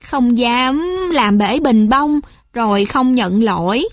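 Small scared child, read by a woman, tearful, pleading, high voice, storybook. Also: slow, no echo, clean studio sound. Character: small frightened child who breaks a vase.

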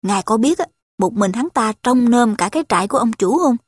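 A woman's voice: fairly high pitch, lively intonation, fairly quick, husky, no echo, clean studio sound. A woman reading the part of a coaxing adult male slave trader in a spoken story, pressing his sales talk.

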